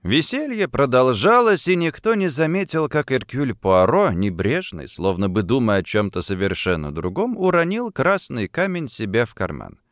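A man narrating a mystery audiobook in an expressive, varied reading. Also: medium pitch, moderate pace, hardly any pauses, no room sound, studio quality.

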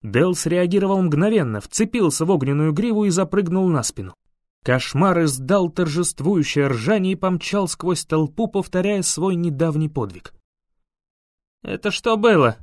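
Male first-person fantasy narrator, slightly high, dry close recording. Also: normal speed, no room sound. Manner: steady storytelling, voices each character. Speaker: audiobook narrator.

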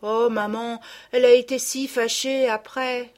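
A woman voicing a sweet, kind little girl in a storybook reading, speaking gently and earnestly. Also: fairly high pitch, level tone, unhurried, pitched above the performer's own voice, lightly acted.

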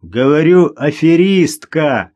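A man voicing a brash, mocking young man who jeers and shouts in an audiobook. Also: on the high side, expressive, slow pace, lo-fi sound, voice pushed up. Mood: jeering. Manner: jeering, shouting, cackling. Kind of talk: audiobook character voice.

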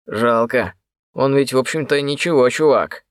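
A man's voice: mid-range voice, moderate pace, no room sound, studio quality, natural voice. A man voicing a tired, irritable long-haired young man who grumbles in exasperation. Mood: weary. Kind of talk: audiobook character voice.

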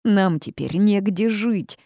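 A rude, melodramatic male phoenix that grumbles and wails through drawn-out complaints, as a woman puts him on in an audiobook. He drags his words slowly, and his voice sits low with a gravelly edge. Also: mellow, dry recording, studio quality. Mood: wailing. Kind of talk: audiobook character voice.

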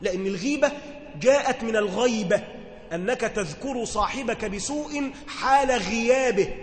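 High-voiced Egyptian man teaching in an echoey hall. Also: moderate pace, a little hiss or hum. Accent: Egyptian Arabic. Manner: conversational, asks listeners questions to check understanding. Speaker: teacher explaining Quran commentary. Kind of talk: religious lesson, reading text then explaining in dialect.

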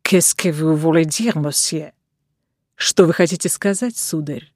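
A woman reading the part of a cold, mocking nobleman, a card gambler and duelist, in a quiet, measured, icily sarcastic voice. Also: deep voice, dry recording, clean studio sound.

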